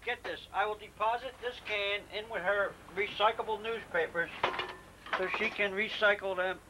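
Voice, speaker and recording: A man's voice: sits high, steady tone, normal speed. A middle-aged father arguing insistently at a family dinner, repeating his points, heard on an old VHS home video. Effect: old VHS home video recording. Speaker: father in a mock family debate. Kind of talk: casual argument at a family dinner. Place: home dining room. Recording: hissy camcorder tape, distant mic.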